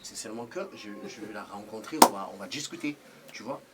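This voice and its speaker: A man's voice: lowish voice, a little fast, lightly acted. A man in his thirties playing a nephew visiting from Europe, stumbling over fillers as he explains himself. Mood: explaining. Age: 30s. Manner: hesitant, many fillers and "tu vois le truc". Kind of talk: film dialogue. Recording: noticeable background noise.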